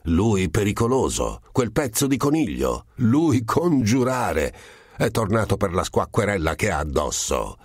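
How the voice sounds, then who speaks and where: A man voicing a choleric middle-aged monk who shouts and sputters insults, read as an audiobook character. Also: fairly low pitch, big pitch swings, a little slow, breathy edge, dry recording, studio quality, pitched above the performer's own voice, full character voice. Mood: scornful ranting.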